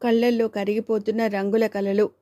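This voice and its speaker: A woman reading an audiobook in steady scripted narration on a close mic. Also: a little high, normal speed, no echo. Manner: steady storytelling.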